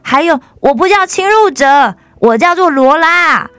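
A woman reading a storybook aloud and voicing a bold, curious young girl who exclaims loudly. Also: high voice, measured pace, no echo, studio quality, soft background music, pitched above the performer's own voice. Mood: protesting. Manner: loud, excitable and exclaiming.

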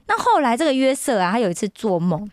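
Lady on the radio telling a story to kids, highish voice, super animated, dry close sound. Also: fast, dry recording. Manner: animated, keeps asking listeners questions. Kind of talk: lively Bible storytelling for youth.

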